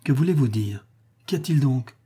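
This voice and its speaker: A man voicing a weak, anxious emperor who speaks softly and pleadingly, often sighing. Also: medium pitch, lively intonation, moderate pace, slightly rough. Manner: soft, sighing, beseeching.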